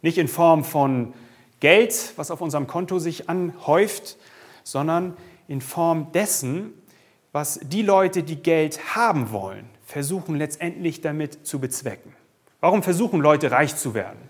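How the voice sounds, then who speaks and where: Somewhat high-voiced male preacher. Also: animated, measured pace. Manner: addresses the congregation directly with rhetorical questions; occasional hesitations with fillers. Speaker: pastor. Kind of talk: sermon.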